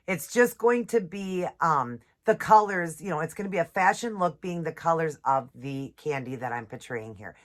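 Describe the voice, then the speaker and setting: Animated and chatty, a woman who vlogs about nails and devotions speaks to viewers in a low voice stuffed up from a lingering cold. She reads devotional passages at a slow, unhurried pace and apologizes frequently. The camera is close, lit by a ring light.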